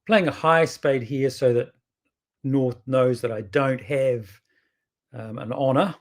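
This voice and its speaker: A man's voice: medium pitch, steady tone, slow pace. A man with a strong New Zealand accent gives casual game commentary, thinking aloud in an informal, rambling way and often correcting himself. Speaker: bridge player presenting his own videos.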